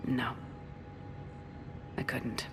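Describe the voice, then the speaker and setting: An actress playing a frank, steady military commander in a video game, firm and matter-of-fact with a note of care. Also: female voice, very slow. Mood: concerned, firm. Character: female military commander, steady, frank, concerned, loyal to comrades. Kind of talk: video game cutscene acting. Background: music.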